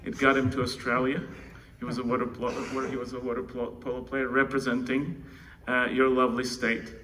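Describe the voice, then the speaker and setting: A man from the Czech Republic gives a conversational keynote introduction of his co-founder at a live conference, restarting and making asides to the audience. His mid-range voice is completely flat and a little fast. He's in a large conference room, away from the mic, with faint room noise.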